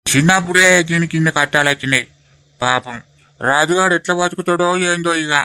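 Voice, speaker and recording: A man's voice: on the high side, a little fast, sharp tone, clear, resonant tone, no echo. A man voicing a fretful old village grandpa. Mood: concerned. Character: elderly village grandfather, concerned and advising. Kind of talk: cartoon voice acting.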